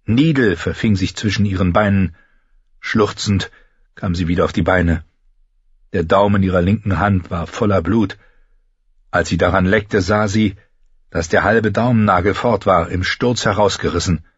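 A man narrating a fantasy story in an audiobook with measured, even delivery. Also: deep voice, husky, no room sound, highs cut off.

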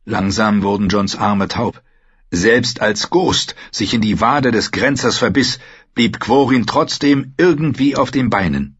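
A man reading a fantasy novel aloud as scripted narration, steady and measured. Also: on the low side, husky, no room sound, muffled recording. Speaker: audiobook narrator.

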